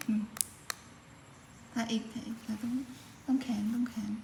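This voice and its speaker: Warm-toned and a little slow, a woman talks casually with a small child while filming, coaxing with brief prompts she repeats. She is a family member of the young child, and the audio carries roomy echo along with faint background noise.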